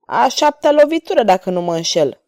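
A woman's voice: fairly high pitch, very animated, darkish tone, no room sound. A woman voicing a bold, mocking male cavalier swordsman who speaks with courtly irony. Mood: ironic. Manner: ironic, courtly and taunting.

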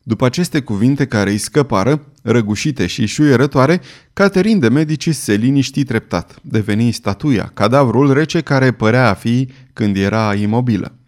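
Male audiobook narrator, measured, steady reading; mid pitch. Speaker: audiobook reader.

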